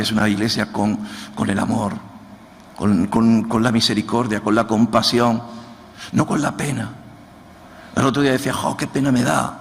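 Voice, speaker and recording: A man's voice: medium pitch, fairly bright tone. A man, a pastor with an Andalusian accent, preaching a sermon, often repeating words as he searches for them and asking the congregation to answer back. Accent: Andalusian Spanish. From Andalusia, Spain. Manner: asks the congregation for response. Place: church hall. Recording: church hall with long reverb, faint noise.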